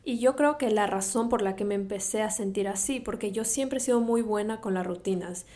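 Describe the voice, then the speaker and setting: Speaking a little fast in a medium-pitched, dark voice, a young Ecuadorian woman from Quito runs her own podcast alone. She's a health coach whose upbeat, talkative style features plenty of laughs and borrowed English words.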